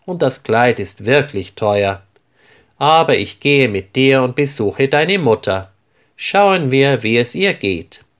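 A man voicing a kind middle-aged aunt in a storybook reading, speaking calmly and reassuringly, at an unhurried pace. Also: medium pitch. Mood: soothing. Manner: calm, reassuring advice.

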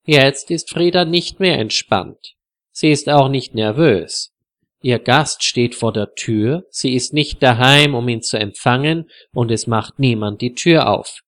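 A man narrating a story slowly and clearly for language learners. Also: medium pitch, a bit bright, no echo, clean studio sound. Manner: clear, measured.

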